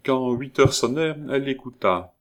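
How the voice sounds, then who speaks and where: A man narrating a classic novel as an audiobook in a measured, deliberate reading. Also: mid-range voice, expressive, clean tone.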